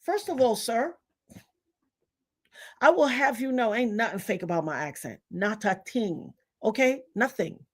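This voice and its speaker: A middle-aged woman born in Trinidad and raised in Brooklyn hosts a livestream, ranting with emphatic indignation in a Trinidadian Caribbean accent. Her voice is fairly high and expressive with a breathy edge, and she keeps a measured pace through the commentary.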